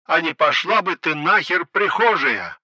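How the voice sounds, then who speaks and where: A man's voice: on the high side, expressive, measured pace, sharp tone, husky, pitched above the performer's own voice, full character voice. A man voicing a mocking male garrison commandant whose sarcastic, mock-official announcement comes over a crackling radio set. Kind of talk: audiobook narration.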